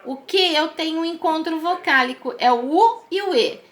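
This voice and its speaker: A woman's voice: very high voice, normal speed. A woman teacher, patiently explaining homework exercises to children and using many diminutives.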